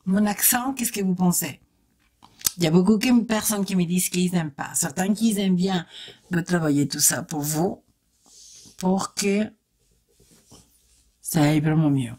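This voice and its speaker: A woman's voice: fairly low pitch, measured pace, pauses often, mellow. A woman vlogger chatting through a makeup tutorial, talking straight to her viewers with enthusiastic exclamations. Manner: chatty, talks straight to viewers while working. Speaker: beauty vlogger. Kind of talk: casual makeup tutorial chat.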